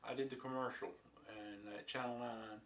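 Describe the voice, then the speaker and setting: A man, recalling the past slowly with many pauses and fillers. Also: medium pitch, steady tone, a bit bright. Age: 50s. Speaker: interviewee, old friend. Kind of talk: casual reminiscing. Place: living room indoors.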